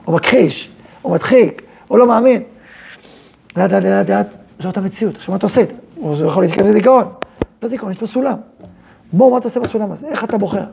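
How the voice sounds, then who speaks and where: A male rabbi lectures in a gravelly, dark voice, asking questions and answering them himself. The talk is lively and conversational, the way a yeshiva head teaches his students. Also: high-pitched, slight background noise.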